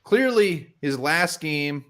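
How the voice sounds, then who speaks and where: A man's voice: a little high, expressive, slow pace, a bit bright. A man co-hosting a casual live sports show, joking bluntly and swearing freely. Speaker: sports podcast co-host.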